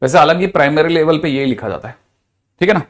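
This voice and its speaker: A man's voice: on the high side, animated, fast talker. A man, a physics teacher giving a chatty, playful lecture. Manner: chatty, playful, with mixed Hindi-English math terms.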